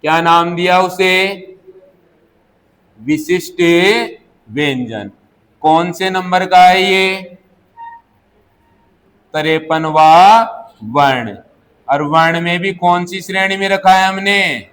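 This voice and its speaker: Male teacher, high voice, unhurried; quizzes the class and answers himself, drills key words. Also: fairly bright tone. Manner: asks questions and answers them himself, repeating key words. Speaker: Hindi teacher. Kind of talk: classroom lesson. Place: coaching classroom.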